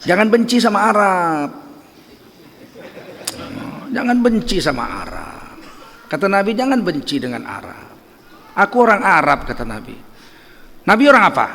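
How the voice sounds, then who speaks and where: A man's voice: high-pitched, vocal fry, sharp tone, in a large hall, slight background noise. A middle-aged man preaching a religious lecture in a mosque, emphatic and full of rhetorical questions to the audience. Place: mosque hall.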